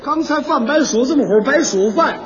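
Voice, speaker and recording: Brief: high, animated male comic foil, doubtful and stammering, old dull live recording. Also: brisk, slight background noise. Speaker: crosstalk comedian. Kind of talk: stage crosstalk comedy.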